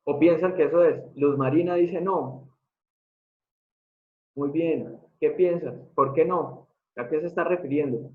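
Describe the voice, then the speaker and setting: A man's voice: a little high, measured pace. A man giving a live online lecture, explaining step by step and often putting questions to his audience. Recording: tinny phone-like sound in an echoey room.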